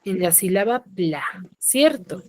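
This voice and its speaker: A woman teacher giving an online class, explaining slowly and checking in with her students after almost every point. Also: mid-range voice, lively intonation, no room sound. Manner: slow and explanatory, often checks with "¿ya?" and "¿sí?". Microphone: computer mic on a video call.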